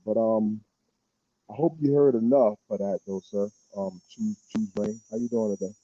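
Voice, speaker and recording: A man calling into a live stream panel from outdoors. His voice comes through muffled and low, as if through a wall, and he talks in a halting way full of fillers. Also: fairly even intonation, warm tone, dry recording. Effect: muffled and low, as if heard through a wall. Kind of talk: casual chat. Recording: dull muffled Bluetooth mic.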